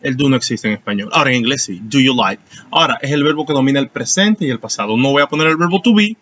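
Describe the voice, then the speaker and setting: A man's voice: medium pitch, expressive, very fast, fairly bright tone, dull audio. A man who is a teacher, explaining grammar to students in an online class and calling on them by name. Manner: explanatory, asks students questions. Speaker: English teacher.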